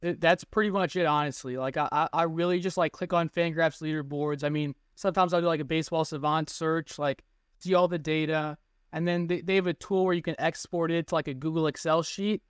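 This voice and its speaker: A man's voice: fairly high pitch, steady tone, fairly quick, clean tone, no room sound, clean studio sound. Teenage boy talking, full of "like". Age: teens. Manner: rambling, lots of "like". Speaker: guest, baseball analytics tweeter. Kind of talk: casual interview answers. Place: small room indoors. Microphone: webcam on a video call.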